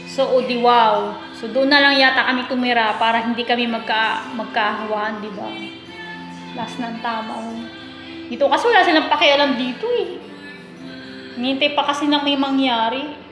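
A woman in her thirties working abroad as a domestic worker vlogs in her kitchen, chatting casually and complaining about her job while mixing English into her Tagalog. Her voice is on the high side, steady and moderately paced. A phone at arm's length catches the echoey room and background music.

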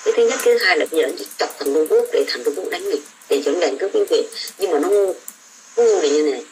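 A woman's voice: fairly low pitch, animated, quick pace, a little mellow, slight background noise, poor audio. An older woman, a domestic worker abroad, ranting about politics in a blunt, scolding way. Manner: blunt, scolding, coarse words. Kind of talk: casual political rant.

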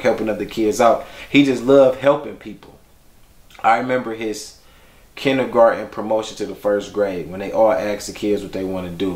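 A young man talking about his son in a documentary, reflective and halting, with many fillers. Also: on the low side, darkish tone, roomy sound. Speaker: father. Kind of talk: documentary interview, personal storytelling.

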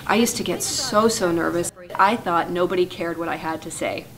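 An American woman, a dialect coach, explaining clearly and patiently with examples. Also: lowish voice, normal speed, a crowd in the background. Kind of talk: explanatory teaching to camera.

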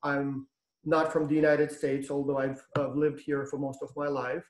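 A man in his thirties from Ukraine with a Ukrainian accent, giving a lecture to students over a webcam, relaxed and explanatory with frequent ums and uhs. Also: medium pitch, normal speed, roomy sound, poor audio. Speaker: professor. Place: room with brick wall and whiteboard. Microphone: webcam on video call.

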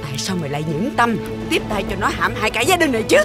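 A woman's voice: medium pitch, sing-song, fast talker, lightly acted. A woman playing a harsh, commanding household mistress. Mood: accusing. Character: stern older mistress of a wealthy household. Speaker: actress in a TV drama. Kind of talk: period TV drama acting. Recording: music score underneath.

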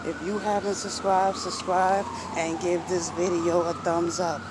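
A woman's voice: lowish voice, little pitch movement, a little slow. A middle-aged woman rambles casually as she walks outdoors, thinking aloud and repeating phrases into a phone held at arm's length. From New York City. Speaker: vlogger. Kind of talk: casual walking vlog chat. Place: outdoors, walking along busy city streets. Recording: noisy outdoor city street recording. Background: traffic and street noise.

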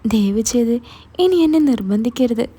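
Woman reading a worn-out, pleading mother for an audio story: high, breathy, mellow. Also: animated, moderate pace. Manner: pleading, weary. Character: troubled middle-aged mother, pleading and tired.

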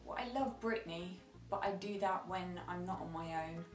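A woman's voice: on the low side, normal speed, roomy sound, distant mic, over loud music, rough recording. A woman chatting casually to camera as a vlogger, rambling and correcting herself as she goes.

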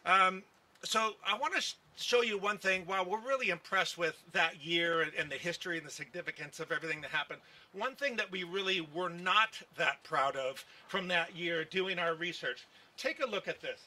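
A man's voice: high voice, normal speed, bright, forceful tone. A man, a baseball team executive giving press conference remarks outdoors at a stand microphone, telling stories with many fillers. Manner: folksy storytelling with many fillers. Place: outdoor park event. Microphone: podium microphone on stand.

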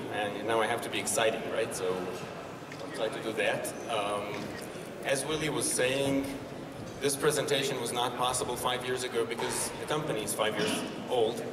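A man in his thirties giving a conversational conference talk on a stage, with wry asides. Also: mid-range voice. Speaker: company founder presenting. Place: exhibition hall stage. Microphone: handheld mic, far camera. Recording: roomy hall from far off, noisy.

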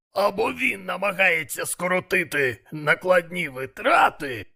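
A blunt, bossy male demon snaps out his plans, as a man puts him on for an audiobook. The voice sits high and lively, with a gravelly, raspy bite. It sounds bright and forceful. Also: exaggerated voice. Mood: exasperated. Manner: blunt, scolding. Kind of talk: audiobook character voice.

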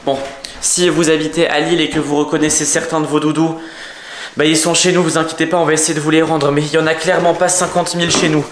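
A man's voice: on the high side, flat delivery, fast. Young man whispering suspense to viewers. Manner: addresses viewers directly, hushed and suspenseful. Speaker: youtuber acting in a home short film. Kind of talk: vlog-style acted sketch narration. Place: dark rooms of a house, indoors. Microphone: phone camera at arm's length. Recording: echoey rooms with background noise.

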